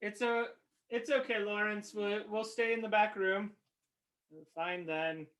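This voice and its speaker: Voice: mid-range voice, steady tone, a little slow, fairly bright tone, pitched above the performer's own voice, lightly acted. A game master playing a friendly male mage from a fantasy town, who talks hesitantly and laughs often.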